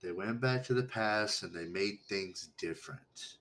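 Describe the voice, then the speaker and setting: An exasperated little gnome girl in a tabletop game, played by a man in a lowish voice. She is blunt and condescending, explaining things simply, and the mic clips. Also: a little slow, a bit bright. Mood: patronising storytelling. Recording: peaking, clipping mic.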